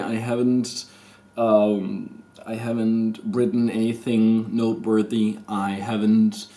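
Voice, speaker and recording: In a mid-range, darkish voice, a Danish-accented vlogger in his thirties makes a rambling personal confession to his camera mic. He is hesitant and halting, full of fillers and restarts.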